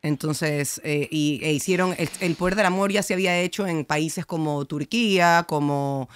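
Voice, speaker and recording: Animated young Ecuadorian woman storytelling. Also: low voice, normal speed, smooth, no echo. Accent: Ecuadorian Spanish. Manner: lively, animated storytelling with slangy asides. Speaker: podcast guest. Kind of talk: casual interview chat.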